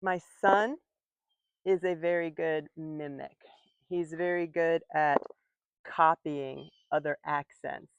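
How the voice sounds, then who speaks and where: A woman teaching English slowly and clearly while working in her garden. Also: sits low, steady tone, dry recording, muffled recording. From United States. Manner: slow, clear, patient explaining. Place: outdoor garden, rooster in background.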